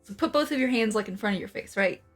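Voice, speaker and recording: A woman's voice: mid-range voice, lively intonation, fast, faint music behind. A woman hosting a casual livestream in a jokey, giggly, mock-professional way. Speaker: livestream host. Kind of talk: casual comedic livestream chat.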